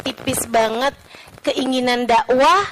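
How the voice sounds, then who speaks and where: A woman preacher giving a gentle, clear sermon that rises into fervent appeals. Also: high-pitched, fairly even intonation, takes it slowly, slight background noise, poor audio.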